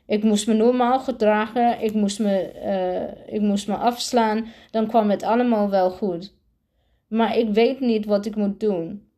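A woman's voice: mid-range voice, steady tone, measured pace, warm tone, lightly acted. A woman reading the lines of an upset, bullied schoolboy in a storybook, with an indignant, raised voice. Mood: upset protest.

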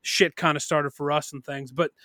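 A man in his early thirties co-hosts a podcast, his voice a little high at normal speed. He's animated, profane and rambling in loose, casual chat, recorded with clean studio sound and no echo.

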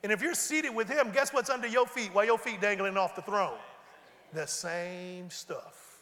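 A man preaching a sermon in a high, bright, forceful voice. He calls on the congregation to repeat his words back to him and rises to shouts. His voice rings out with a long reverb through a large church hall. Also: quick pace. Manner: preaching with call-and-response, rising to shouts. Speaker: pastor.

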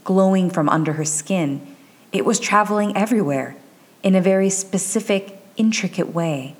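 A woman narrating a fan fiction chapter in a measured, even storytelling delivery. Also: low voice. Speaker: audiobook narrator.

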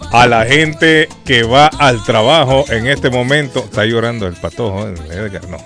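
A man's voice: mid-range voice, moderate pace, a bit bright. Man, radio host, mid-range voice, repeats himself, faint music behind. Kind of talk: live radio chat.

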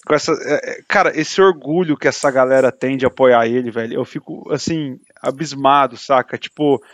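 A man's voice: mid-range voice, moderate pace, dry recording. A man in casual podcast chat, talking in a heated, indignant way and filling his speech with slang.

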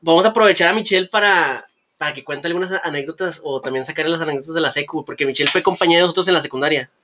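Male host, casual chat, quick storyteller who swears freely, high voice. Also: muffled recording, a little hiss or hum. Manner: storytelling, swearing, fast and animated. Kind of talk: casual chat among friends.

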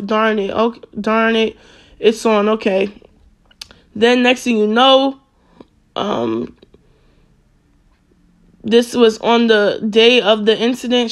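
Reading a string of texts out loud, this social media commentator keeps a relaxed, medium-pitched delivery, often stumbling into fillers and correcting herself or himself along the way.

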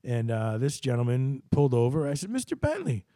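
A man's voice: mid-range voice, steady tone, brisk, dark tone, no echo. A middle-aged man hosting his own show, telling loose, rambling, self-deprecating stories and often jumping into quoted voices. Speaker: host. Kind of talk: casual storytelling monologue.

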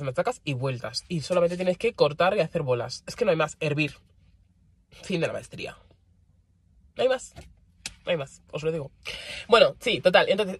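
A young woman with a Spain Spanish accent, chatting casually to her viewers, animated and laughing often, repeating words for emphasis. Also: low-pitched, dry recording. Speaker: vlogger. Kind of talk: casual chat to camera.

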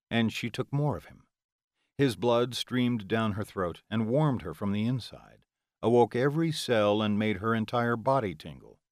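Low-voiced male audiobook narrator. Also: no room sound, studio quality. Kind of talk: scripted narration.

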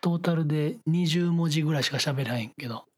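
A man's voice: fairly high pitch, fast, slightly rough. A man with a Kyoto accent hosting a podcast in casual, joking chat. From Kyoto, Japan. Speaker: podcast host.

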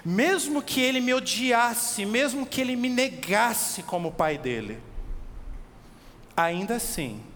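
A high-pitched Brazilian man preaches with lively energy, firing questions at his listeners and drawing out key words for weight. His voice rings through a church hall with a long echo tail, over a faint hum of background noise. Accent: Brazilian Portuguese. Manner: animated, asks the listeners direct questions, slows for emphasis. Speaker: pastor. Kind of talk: expository sermon.

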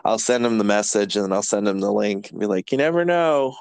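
A man's voice: on the low side, flat delivery, fast, creaky, a little mellow, smooth, no room sound. A man hosting a podcast, chatting casually in a rambling, self-deprecating way and laughing often. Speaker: podcast host. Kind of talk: casual chat.

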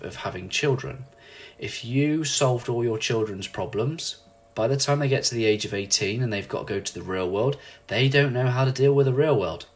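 A man speaking as a leadership coach in an animated, ranting motivational monologue, acting out quotes in lively voices. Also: fairly low pitch, breathy edge.

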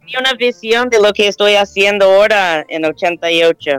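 Calm middle-aged American woman speaking Spanish. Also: medium pitch, clear, resonant tone, dry recording, soft background music, low-quality recording. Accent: American English. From United States. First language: English. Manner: calm, unhurried, mixes in English words. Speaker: guest astrologer and yoga teacher. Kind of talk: remote interview over a call.

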